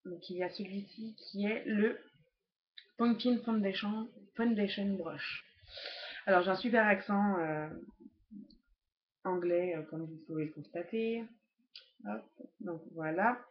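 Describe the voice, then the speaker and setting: A woman's voice: fairly low pitch, a little slow, long pauses, dull audio. A woman casually reviewing makeup brushes, hesitant and chatty with many fillers, recorded at home on a laptop webcam. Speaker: beauty vlogger.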